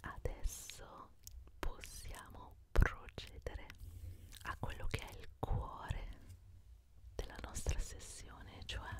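Woman acting as gentle female beautician, whispered role-play, breathy whisper, unhurried, reassuring, close microphone. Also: close to an everyday voice. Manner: soothing, slow, reassuring, fond diminutives. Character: gentle, attentive female beautician pampering a client. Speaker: ASMR performer. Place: indoors at a desk, close up. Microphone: desktop condenser microphone with foam cover, very close.

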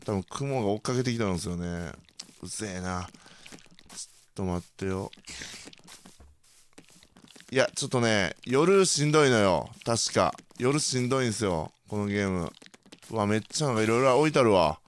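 A young man with a Kansai accent commentating his own game play, bursting into loud reactions and then muttering quietly. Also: brisk, clear, resonant tone. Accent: Kansai Japanese. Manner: excitable, reacts loudly to surprises, then mutters low. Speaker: gaming channel host.

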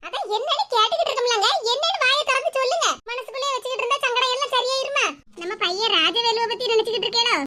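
Racing along at an extremely high pitch, a voice actress performs a cartoon village wife from Kanyakumari, Tamil accent and all. Worried, she keeps coaxing her husband with insistent pleas and questions while background hiss runs underneath.

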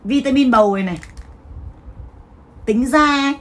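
A woman with a high voice hosts a livestream sale at a normal pace. She rants at her viewers and scolds them with foul language.

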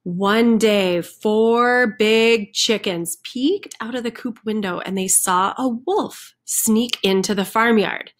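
A woman with a slightly high voice reads slowly, with few pauses, from a picture book for young children, expressively emphasizing the rhyming sound words. She works as a children's center storyteller and is recorded through a computer microphone on a screen recording with webcam.

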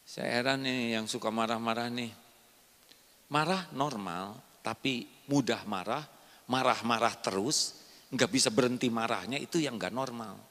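An Indonesian man preaching a sermon to a live congregation, quizzing the listeners and swinging between soft explanation and loud emphatic points. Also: mid-range voice, a little slow, big-room sound.

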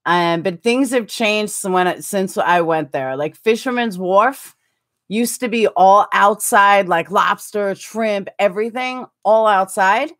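A woman's voice: medium pitch, unhurried, fairly bright tone. A woman in her forties hosting a casual livestream, chatting and reading viewer comments aloud in a self-mocking way, laughing often, recorded on a desktop webcam in a small room. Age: 40s. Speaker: livestream host. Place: small indoor room with curtains behind.

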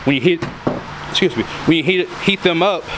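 A man's voice: a little high, fairly quick, noisy background. A man casually showing his homemade fishing lures at a workbench, talking in a rambling way with lots of ums and restarts. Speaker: fishing lure maker showing his baits. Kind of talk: casual how-to vlog. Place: workbench in a workshop.

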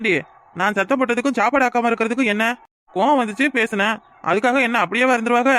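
A gruff, short-tempered cartoon village husband, voiced by a woman. He speaks with a southern Tamil Kanyakumari accent and rattles off his demands at breakneck speed. The voice sits a little high for the role. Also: fast talker, fairly bright tone, natural voice. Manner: gruff and demanding, snaps orders. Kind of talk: cartoon voice acting.

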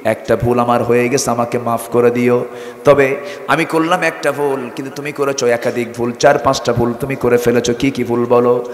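A man's voice: mid-range voice, level tone, normal speed, close to an everyday voice. A man voicing an indignant young wife. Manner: indignant, scolding, listing faults. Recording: echoey hall with long reverb.

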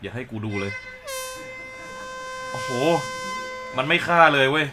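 A man doing let's play commentary, dubbing the characters live while swearing and joking excitably. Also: medium pitch, a little slow, music in the background. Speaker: game commentator. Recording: game sounds behind.

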